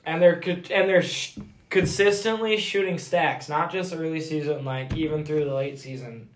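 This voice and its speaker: A man's voice: on the high side, moderate pace, a little hiss or hum. Profane, laughing man in an echoey room. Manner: profane, laughing, loose storytelling. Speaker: hunting guide. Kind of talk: casual podcast chat.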